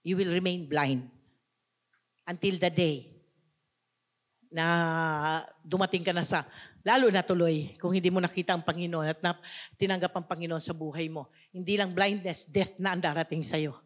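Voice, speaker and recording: A woman's voice: lowish voice, steady tone, normal speed. A woman pastor with a Filipino accent preaching a sermon, switching between languages and asking the congregation questions. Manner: mixes two languages, asks the congregation questions.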